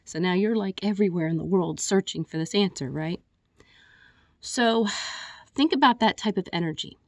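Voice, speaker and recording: A woman's voice: fairly low pitch, lively intonation, moderate pace, dry recording, studio quality. A woman recording a personal video message, a little out of breath, talking candidly and rambling with restarts and fillers. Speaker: vlogger.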